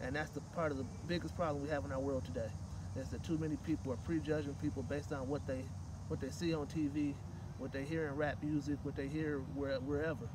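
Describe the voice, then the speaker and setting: The guest story reader is a middle-aged man with a voice on the high side, reading a children's picture book quickly and in a level tone. He's outdoors at a park table, picked up by a distant microphone over light outdoor noise.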